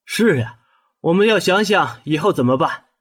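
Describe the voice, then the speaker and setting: A man's voice: on the high side, expressive, moderate pace, slightly rough. A man voicing a bold, teasing young officer who talks brashly and pushily in a historical audio drama. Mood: frank. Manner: brash, pushy, joking.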